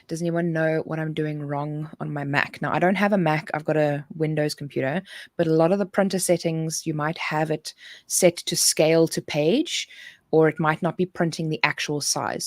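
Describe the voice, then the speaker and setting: Lady with a lowish voice, dry close sound, casual advice on a craft stream. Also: no room sound. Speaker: livestream host reading out viewer questions.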